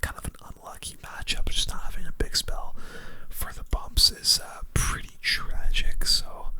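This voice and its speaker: Thinking aloud while playing, a gaming host gives relaxed ASMR commentary, whispering breathily and quietly near the microphone.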